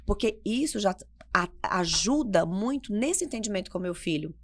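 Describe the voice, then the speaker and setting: A woman's voice: mid-range voice, expressive, normal speed. A woman consultant co-hosting a podcast, talking energetically and emphatically, explaining with everyday examples. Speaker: family behavior consultant and podcast co-host. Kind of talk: conversational podcast talk.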